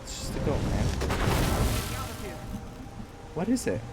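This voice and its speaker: His medium-pitched voice swoops wildly as he talks fast, improvising laid-back commentary and chatting to characters in his roleplay let's play. The YouTuber is heard over loud game music along with rain and thunder.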